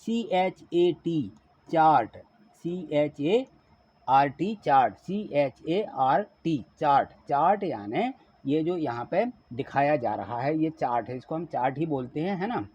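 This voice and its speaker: Man teaching in a husky voice. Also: fairly high pitch, expressive, unhurried, a little mellow. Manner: spells words letter by letter and asks questions. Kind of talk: classroom lesson explaining a worksheet. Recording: dull lo-fi recording.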